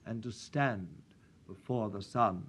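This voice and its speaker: A man preaching in a church, praying and reading scripture in a solemn, measured way at a pulpit microphone. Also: on the low side, fairly bright tone, slight background noise. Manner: solemn and measured, old-fashioned prayer wording. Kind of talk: sermon with prayer and scripture reading.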